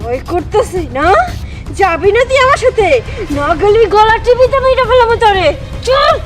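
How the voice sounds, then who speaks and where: A wicked old moon witch played by a woman from a fairy-tale drama. She threatens and gloats in an extremely high voice with a rural Bangladeshi accent, over clear background music. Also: animated, normal speed. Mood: threatening. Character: wicked, menacing old moon witch who snatches children.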